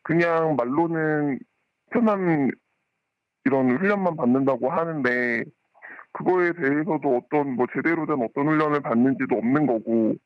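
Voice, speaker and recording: Pitch-shifted deep disguised caller. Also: no echo, lo-fi sound. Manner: hesitant and careful, with many pauses. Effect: voice disguised with a pitch-shifting voice changer. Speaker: anonymous parent calling in. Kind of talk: phone-in interview.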